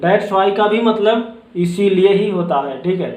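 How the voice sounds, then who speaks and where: A man teaching a spoken grammar lesson, explaining slowly and checking in with "ठीक है" after each point. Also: high voice, a little mellow. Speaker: English teacher. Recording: echoey room.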